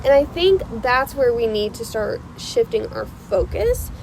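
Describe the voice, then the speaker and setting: A woman's voice: a little high, expressive, unhurried, creaky, darkish tone, slight background noise, low-quality recording. A young woman hosting a casual advice vlog with a stuffy nose, talking in an emphatic, insistent and reassuring way and repeating herself for emphasis. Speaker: channel host. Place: outdoors on a porch. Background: passing cars.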